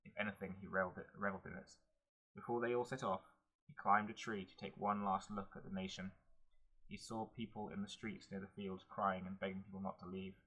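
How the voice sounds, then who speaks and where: A man narrating a fantasy novel in an audiobook. His voice is husky and low with a bright, forceful edge. He reads in a steady, earnest manner with little rise and fall. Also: brisk, low-quality recording.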